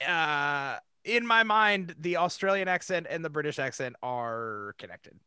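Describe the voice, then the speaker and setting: A man's voice: on the high side, lively intonation, unhurried, sharp tone, smooth, no room sound. A man casually chatting as a podcast co-host, rambling with lots of fillers and laughing easily. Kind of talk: casual chat.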